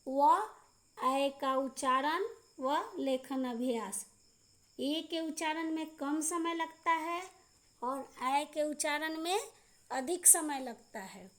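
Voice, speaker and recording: A woman teaching a children's grammar lesson, reading word pairs aloud slowly and drawing out the vowels. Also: high-pitched. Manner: slow, drawn-out pronunciation drills with repeated word lists. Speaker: primary school teacher. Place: school class video.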